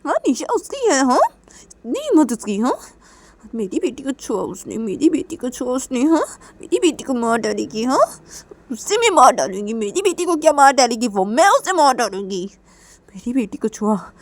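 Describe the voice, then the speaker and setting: A woman's voice: big pitch swings, moderate pace, hardly any pauses, exaggerated voice. A woman doing a shrieking furious young mother. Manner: shrill shouting, repeats herself. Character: furious young mother protecting her baby daughter.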